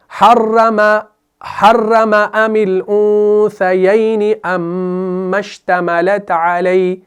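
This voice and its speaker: A man reciting Quranic verses in a slow, drawn-out melodic chant. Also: high voice, clear, resonant tone, dull audio.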